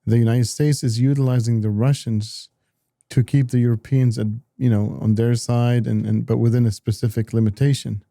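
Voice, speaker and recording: A man talking politics as an analyst in a casual discussion, halting often with repeated words and restarts. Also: mid-range voice, little pitch movement, creaky, mellow, no room sound, clean studio sound.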